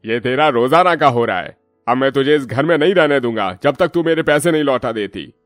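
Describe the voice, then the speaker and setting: A cruel cartoon landlord, voiced by a man barks his demands in a loud, bullying mid-pitched voice. The sound is dry and close, with faint background music. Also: lively intonation, brisk, dry recording, close to an everyday voice. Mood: harsh. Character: cruel greedy male landlord, harsh and domineering. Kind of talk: cartoon story voice acting.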